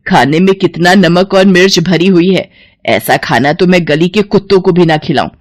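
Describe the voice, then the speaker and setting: A woman voicing a harsh older mother-in-law who scolds slowly and loudly in a cartoon story. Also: on the low side, no room sound, studio quality, close to an everyday voice. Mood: scolding. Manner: slow, loud, scolding.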